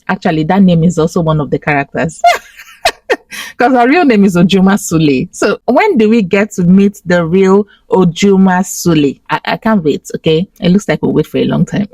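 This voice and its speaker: A woman's voice: on the low side, darkish tone, dry recording, far from the mic. Gossipy woman recapping reality TV. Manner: gossipy, laughs often, mimics the cast when quoting them. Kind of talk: chatty recap commentary.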